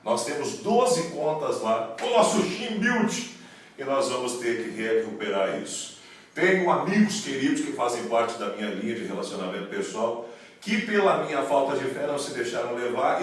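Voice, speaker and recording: This man, a network marketing promoter, is very animated at a moderate pace, his mid-range voice driving an emphatic, preacher-like promotional video shot in an office. The recording sounds echoey, with the microphone placed far away.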